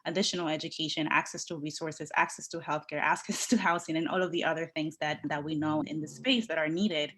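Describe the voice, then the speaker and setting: Low-voiced woman from the Dominican Republic. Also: steady tone, a bit bright. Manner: earnest, measured, builds points in lists. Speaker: guest, workforce development leader. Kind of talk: podcast interview, telling her career story.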